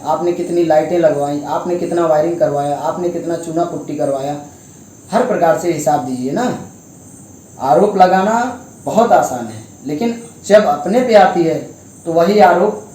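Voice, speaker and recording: A man's voice: fairly high pitch, mellow. A young man, a student, giving impassioned interview answers full of emphatic rhetorical questions. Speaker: student speaking out. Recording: very echoey with faint noise.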